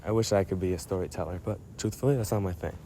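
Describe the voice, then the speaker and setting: Fast-talking and low-voiced with a dark tone, a man records a personal voice memo for a friend, with a little hiss or hum in the background. He tells his story in a casual, rambling monologue, playful and self-deprecating, often cutting in on himself and straying from the thread.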